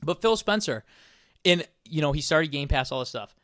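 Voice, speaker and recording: A man with a somewhat high voice talks casually on a podcast, animated and full of opinions. He fills his talk with "like" and "you know". The sound is dry, with no room echo. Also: moderate pace. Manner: animated, opinionated, many fillers. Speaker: podcast co-host. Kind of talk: casual chat.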